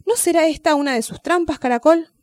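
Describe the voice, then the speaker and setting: A woman's voice: high voice, darkish tone, no echo, clean studio sound, pitched above the performer's own voice, close to an everyday voice. A woman voicing a dim-witted, fearful male dog who whines anxiously. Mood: suspicious. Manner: whiny, anxious, slow-thinking.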